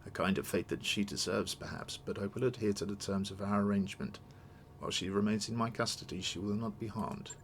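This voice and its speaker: A man voicing a courteous older nobleman in a video game, measured and formal. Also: lowish voice, fairly even intonation, creaky, a little hiss or hum. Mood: grave. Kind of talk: read-aloud of video game dialogue.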